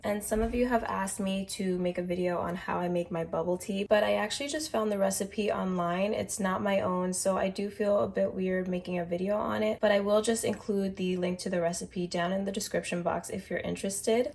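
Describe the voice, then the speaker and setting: Standing in the kitchen of her home apartment, a young lifestyle vlogger with a slight cold chats through her favorite things in a casual walkthrough vlog. She recommends products in an upbeat, talkative way, her mid-range voice carrying vocal fry and a slightly mellow tone.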